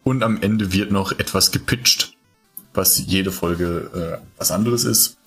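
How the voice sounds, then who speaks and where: A man's voice: deep voice, takes it slowly, fairly bright tone, slightly rough, faint music behind. A man co-hosting a casual podcast chat, telling long rambling stories and explaining the show's quiz with eager energy. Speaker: podcast co-host.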